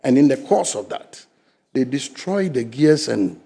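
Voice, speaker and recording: An older man from Ghana, a guest from the fisheries sector, argues forcefully in a studio interview with a Ghanaian English accent. His voice is gravelly and husky, very animated and a little slow, veering between loud emphasis and low asides.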